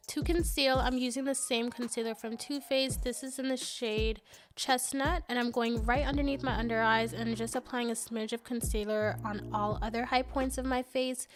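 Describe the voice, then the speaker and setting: A young woman with a stuffy, congested nose narrating a makeup tutorial in a chatty, upbeat way. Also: a little high. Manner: chatty, upbeat, many fillers. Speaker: beauty vlogger. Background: faint background music.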